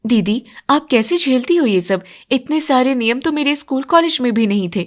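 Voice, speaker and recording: A woman's voice: high voice, lively intonation, moderate pace. Playful, outspoken new bride, read by a woman narrator. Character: bold cheerful young bride.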